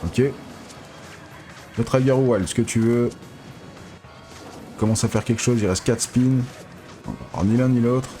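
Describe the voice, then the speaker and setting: A man giving excitable, casual live commentary as a casino streamer, pleading with the reels and swearing. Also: medium pitch, unhurried, long pauses, soft background music.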